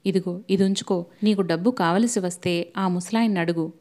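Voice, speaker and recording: A woman voicing a gruff, domineering older man who threatens and gives orders. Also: lowish voice, fairly even intonation, normal speed, darkish tone, lightly acted. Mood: blustering. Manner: blustering, threatening.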